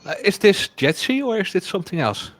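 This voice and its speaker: A man's voice: high voice, brisk, dry recording. A man joining a casual stream chat, dropping in short remarks. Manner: lively, talks in short remarks.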